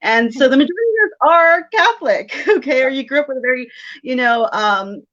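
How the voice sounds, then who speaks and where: A woman's voice: sits high, animated, a little fast, fairly bright tone. Chatty woman in her thirties, lo-fi. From South Texas. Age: 30s. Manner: chatty, laughs often. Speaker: guest psychic medium. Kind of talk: casual interview chat.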